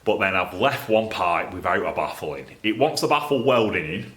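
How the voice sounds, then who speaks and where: An expressive, low-voiced man with a fairly bright tone speaks at a moderate pace in a Northern English accent. As an exhaust fabricator and video presenter, he thinks aloud to camera in a relaxed, meandering way. The recording carries the echo of his small, cluttered workshop.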